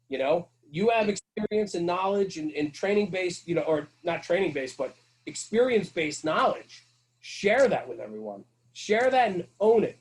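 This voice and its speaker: Captured on poor audio, a middle-aged man with a higher-than-average, darkish voice talks about his work as a podcast guest. He's a firefighter and hosts a fire-service radio program, and his casual delivery stays earnest and emphatic as he repeats what he considers most important.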